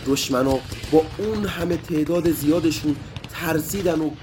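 A man narrating a story and speaking directly to children in a lively way. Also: a little high, noisy background. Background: faint music.

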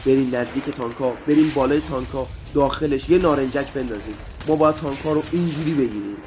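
A man's voice: medium pitch, darkish tone, slight background noise, lightly acted. A man voicing a stern, confident male war commander who gives firm orders. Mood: decisive. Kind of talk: storybook character voice.

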